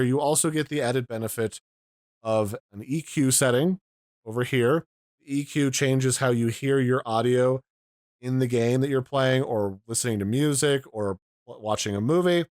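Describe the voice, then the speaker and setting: A man's voice: medium pitch, no echo, studio quality. A man giving a casual, explanatory demo of audio mixers, pointing out their controls, recorded at home. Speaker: tech reviewer. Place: home room.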